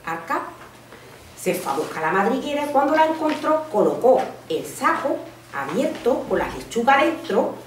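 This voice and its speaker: Parent storyteller, woman, animated and expressive, recorded in an echoey room from a distance. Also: medium pitch, a little hiss or hum. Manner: lively, expressive, with restarts. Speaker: parent reading aloud at school. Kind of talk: storytelling to children. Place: school room. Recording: echoey room, mic far off.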